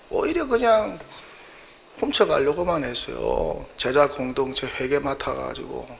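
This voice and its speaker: Male pastor, sermon, gravelly, slightly high voice, emphatic, rhetorical questions. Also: fairly bright tone, slight background noise. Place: church.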